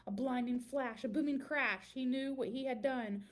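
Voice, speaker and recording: In a high voice, a woman narrates a children's picture book aloud, giving it expressive, dramatic storytelling with words pulled long.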